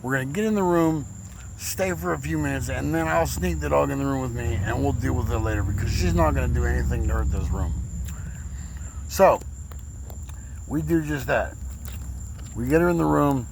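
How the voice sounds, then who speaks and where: A man's voice: mid-range voice, normal speed, creaky, pauses often, background noise. A man telling his own story in a rambling, emotional way, his speech slurred after a recent stroke. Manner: rambling, repeats words, emotional. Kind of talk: casual personal storytelling.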